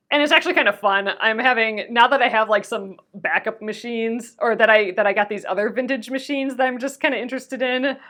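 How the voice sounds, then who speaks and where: A woman's voice: medium pitch, vocal fry, pushed and bright. Chatty woman with a tired throat. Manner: chatty, rambling, often restarts and laughs. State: throat sore, voice fading. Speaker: crafting livestream host. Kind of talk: casual chat while sewing live.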